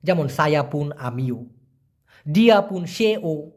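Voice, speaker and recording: A language teacher from Bangladesh speaks. The teacher gives an online lesson at a medium pitch and says each example phrase slowly several times. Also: lively intonation, darkish tone.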